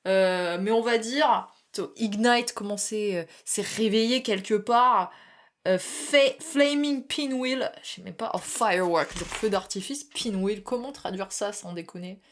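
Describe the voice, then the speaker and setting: A young woman gives a casual tarot reading in an unhurried, fairly high-pitched voice. She talks chattily, laughs often and drops English slang.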